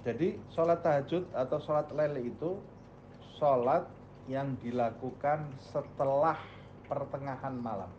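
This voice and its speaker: A man's voice: medium pitch, measured pace, darkish tone, lo-fi sound, slight background noise. A male Islamic teacher giving a religious study lecture, posing questions to the audience and answering them himself.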